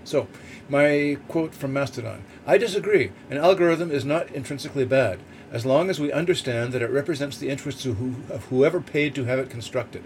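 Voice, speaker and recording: A man's voice: medium pitch, brisk. A man on a boat reads his own written article aloud as a podcast host, in an explanatory, opinionated way. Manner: explanatory, opinionated, with occasional rhetorical questions and asides. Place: on a boat in a snowstorm. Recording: clear background heater noise aboard boat. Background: background noise of boat heating.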